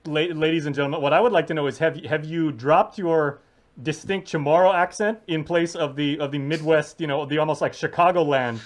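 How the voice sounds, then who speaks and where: A man's voice: fairly high pitch, steady tone, fairly quick. A man co-hosting in casual chat, playful and repeating himself with mock emphasis. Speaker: talk show co-host.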